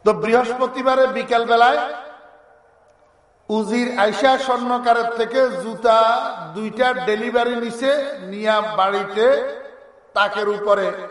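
High-voiced preacher telling a story. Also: male voice, slow, pauses often, echoey room, long reverb tail. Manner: lively storyteller acting out characters with loud high exclamations. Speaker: Islamic preacher. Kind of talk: sermon storytelling.

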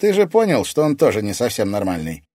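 A man lifts his voice high to play a teenage werewolf boy, cocky and playful, teasing the others. He sounds breathy at the edges, with a lively lilt, recorded dry and close like an audiobook. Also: a little fast, no echo. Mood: cheerful teasing. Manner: bright, cheerful, teasing.

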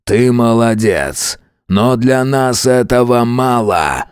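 A man voicing a hoarse, rough-voiced masked male fighter who speaks slowly and growls orders. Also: mid-range voice, animated, no echo, studio quality. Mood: menacing. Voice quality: hoarse, gruff. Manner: slow, demanding, growled.

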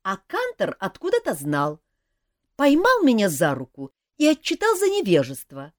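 A woman's voice: medium pitch, huge pitch swings, normal speed, no echo, clean studio sound, pitched above the performer's own voice. A woman voicing a young male elf prince who talks in an earnest, pleading way.

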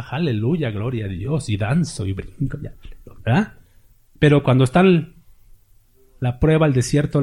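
A man's voice: on the high side, mellow, husky. A man preaching a conversational sermon, acting out little scenes and asking rhetorical questions.

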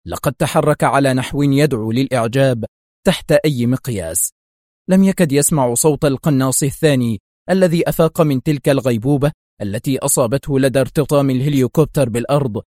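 A man narrating a dramatic audiobook with steady reading. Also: medium pitch, no echo, studio quality.

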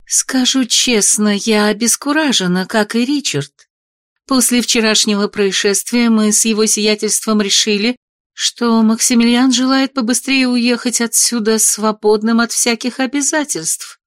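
A woman reading an audiobook, voicing a noble mother who speaks in a measured, formal, gently reproving way. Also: fairly high pitch, steady tone, no room sound, clean studio sound, natural voice. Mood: thoughtful. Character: noble mother, gentle but stern lady. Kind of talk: audiobook character voice.

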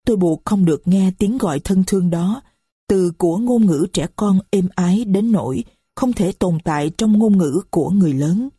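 Woman audiobook narrator, husky low voice, grave and sorrowful storytelling, dry sound. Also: animated, moderate pace, warm tone, dry recording. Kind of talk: scripted story narration in first person.

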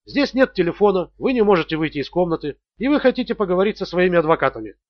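A man performs the voice of a male extortionist for an audiobook thriller, cool, sneering, and menacing, his calm mockery broken by screams. The voice sits high with big pitch swings and moves fast, and the recording is dry and lo-fi.

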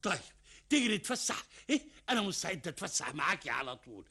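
A man's voice: high-pitched, very animated, quick pace, sharp tone, husky, heavily acted. An actor with an Egyptian accent playing Shamis, a rich, devoted husband who pleads with his wife in a radio drama. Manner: pleading, eager, talks over his wife.

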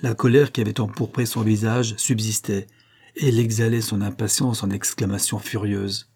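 Male audiobook reader, measured storytelling, mellow dark tone, slightly husky. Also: fairly low pitch, flat delivery. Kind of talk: audiobook narration of a classic novel.

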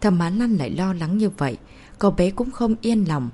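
A woman narrating a novel as an audiobook in a steady storytelling manner. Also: medium pitch, moderate pace.

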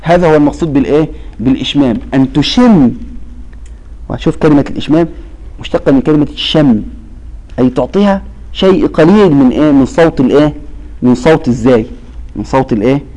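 A man with a somewhat high-pitched voice and an Egyptian accent teaches a classroom lesson on Quran recitation. He talks in a call-and-response way, leaving questions hanging for his students to finish. When he recites a verse, he stretches it out slowly. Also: warm tone, low-quality recording. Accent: Egyptian Arabic. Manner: quizzes students with fill-in-the-blank questions; slow, drawn-out recitation of verses.

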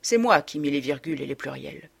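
A woman narrates a classic novel in an expressive, dramatic reading style. Her voice is husky and slightly breathy, set low. Her pitch rises and falls widely from phrase to phrase. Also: a little fast. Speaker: audiobook reader. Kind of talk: literary audiobook narration.

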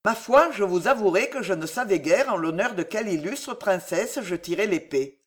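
An audiobook reader voicing a reserved young chevalier who answers in a wry, measured way. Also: medium pitch, expressive, breathy edge. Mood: guarded. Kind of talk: audiobook character reading.

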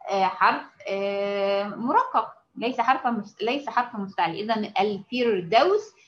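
A woman teacher with an Egyptian Arabic accent giving a patient lesson, often checking that her students follow and drawing out example words slowly. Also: medium pitch, dull audio. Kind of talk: online lesson to female students.

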